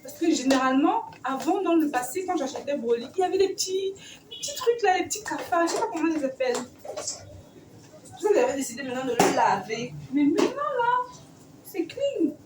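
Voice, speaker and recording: A woman's voice: high voice, lively intonation, fast talker. A young woman from Cameroon chatting to camera in a rambling, self-correcting way. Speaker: vlogger. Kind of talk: casual chat to camera. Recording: echoey room, far from mic, noisy.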